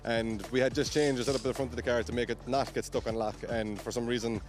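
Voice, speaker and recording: A man's voice: medium pitch, flat delivery, quick pace, music in the background. A man, a drift driver, talking through a bad run in a trackside interview, frustrated and rambling. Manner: frustrated, rambling, nervous laughs.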